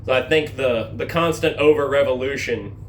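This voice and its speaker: A man's voice: mid-range voice, moderate pace. A man talking casually like a hands-on mechanic, explaining a repair to the camera in an informal, folksy way. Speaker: amateur mechanic presenting a truck repair. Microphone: handheld camera held while working. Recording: clear vehicle and engine noise.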